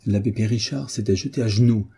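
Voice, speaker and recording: A man narrating a classic novel in a measured, steady storytelling manner. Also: fairly low pitch, vocal fry, husky. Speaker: audiobook reader. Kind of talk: literary narration.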